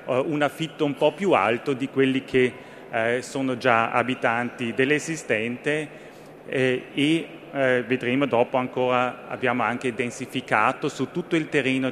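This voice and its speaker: A man with an Austrian German accent, a native German speaker, giving a conference presentation in halting Italian with many searching pauses. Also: medium pitch, steady tone, a bit bright. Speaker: conference speaker, building ecology expert. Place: large conference or trade fair hall. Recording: reverberant hall, faint background noise.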